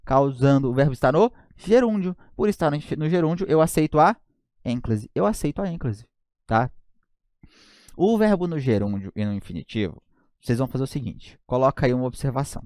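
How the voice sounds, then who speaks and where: Lively Brazilian man teaching grammar. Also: medium pitch, no room sound, clean studio sound. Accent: Brazilian Portuguese. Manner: lively, joking, often checks in with "tá?". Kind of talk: online grammar lesson.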